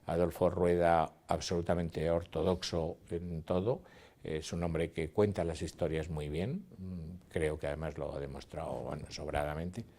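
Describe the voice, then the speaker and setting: Older man with a very deep voice. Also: normal speed. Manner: animated storyteller acting out dialogue and sounds. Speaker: cinematographer. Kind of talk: interview reminiscence.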